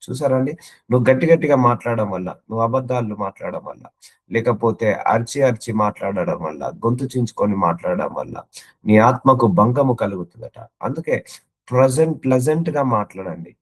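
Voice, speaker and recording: A man preaching an earnest sermon, stacking repeated phrases into rhythmic lists and reading out scripture verses. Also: mid-range voice. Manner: earnest, exhorting.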